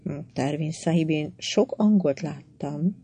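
A bold, scheming Indian queen, as a woman reader puts her on in an audiobook, frank and passionate. She speaks higher and louder than the narration, with a lively sweep. Her voice stays lowish in its base. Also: husky. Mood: pleading. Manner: passionate, teasing, then pleading. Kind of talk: audiobook reading.

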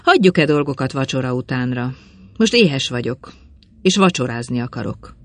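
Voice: medium pitch, lively intonation, natural voice. A storyteller voicing a cold, curt, contemptuous young man. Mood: flippant.

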